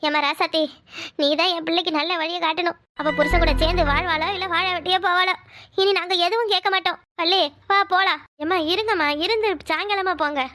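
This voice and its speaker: A woman voicing a sharp-tongued older village mother in a cartoon, taunting and sarcastic. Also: very high voice, steady tone, fast, faint music behind. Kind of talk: cartoon voice acting.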